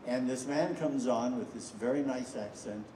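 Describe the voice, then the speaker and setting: An older man, a filmmaker, introducing a screening to an audience with rambling anecdotes and frequent pauses. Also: mid-range voice, background noise. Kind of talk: storytelling speech to an audience. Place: festival screening hall. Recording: echoey hall, from far off.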